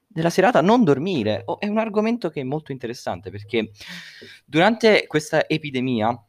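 A man's voice: fairly high pitch, very animated, moderate pace, dry recording, studio quality. A young man hosting a casual, humorous solo podcast, rambling and correcting himself as he talks through a face mask. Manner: rambling, self-correcting, uses swear words. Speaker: podcast host. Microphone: close podcast microphone, dry sound.

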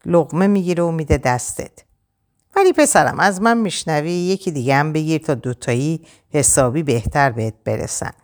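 A woman's voice: low-pitched, lively intonation. A woman voicing a cheeky young man who teases his brother in a playful, mocking way. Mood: teasing.

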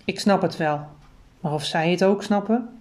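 A woman's voice: on the low side, moderate pace, darkish tone, close to an everyday voice. A woman voicing a stern but kindly grown man who questions two children with doubtful, probing questions in a read-aloud storybook. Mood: questioning.

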